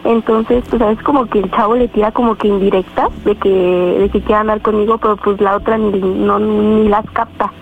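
A woman's voice: medium pitch, steady tone, normal speed, gravelly, hardly any pauses, a little hiss or hum. Teen Mexican girl on a tinny phone line. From Estado de México. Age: teenager. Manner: hesitant, full of fillers. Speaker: caller. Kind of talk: telling her story to a radio host.

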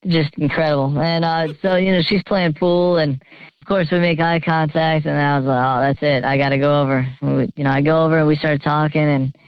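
A man's voice: on the high side, fairly even intonation, a little fast, clear, resonant tone, no room sound, muffled recording. A young man calling in to a radio show with his voice disguised by a voice changer, telling a rambling story full of fillers and chuckles. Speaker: caller. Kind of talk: call-in confession story.

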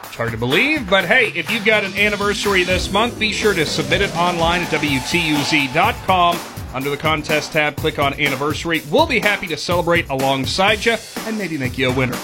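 A man's voice: on the high side, lively intonation, brisk, over music. A man hosting a morning radio show, announcing in an upbeat style.

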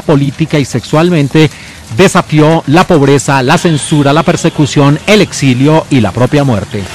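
A man whose voice is a little high narrates a scripted film presentation, stressing titles and names deliberately.

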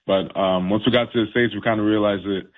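Young man, boxer, low-pitched, relaxed, filler-heavy, phone line sound. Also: fast talker. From Canada. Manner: laid-back, many fillers and laughs. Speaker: professional boxer. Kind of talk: casual phone interview.

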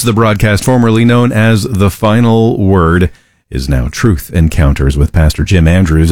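A man reading station announcements in a loud, dense broadcast announcer delivery at a close studio microphone. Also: fairly low pitch, dry recording. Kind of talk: scripted radio announcement.

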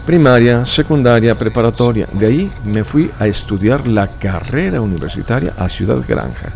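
A man's voice: mid-range voice, lively intonation, normal speed, gravelly, darkish tone, a little hiss or hum. A man in his fifties, raised in Mexico, talking emphatically and lecturing as a guest in a radio studio. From Chile, raised in Mexico. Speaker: stage hypnotist guest. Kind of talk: radio interview chat.

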